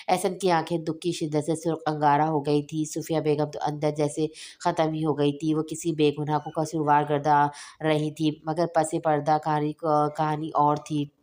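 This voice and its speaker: A woman narrating an audio novel in a steady, even reading voice. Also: low-pitched.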